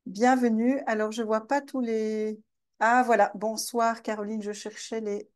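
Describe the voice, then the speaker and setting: A woman from Belgium with a Belgian French accent, hosting a live online master class. She talks in a chatty way, greets attendees by name and fills her pauses with hesitations. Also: on the high side, flat delivery. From Belgium, Namur region. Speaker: webinar host and trainer.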